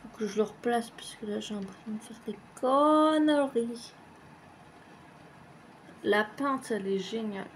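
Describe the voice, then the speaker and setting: A woman chatting casually on her craft vlog, answering tag questions at an unhurried, dawdling pace. Her voice sits a little high, and she wanders through her answers with many pauses and fillers and the odd swear word, over a faint background hiss. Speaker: craft vlogger.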